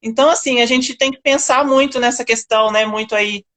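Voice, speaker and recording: A Brazilian woman hosts the live stream in a calm, reflective way, her voice fairly high. She keeps checking in with little tag questions. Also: brisk. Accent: Brazilian Portuguese. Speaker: kid coach, live host. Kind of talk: casual live-stream talk.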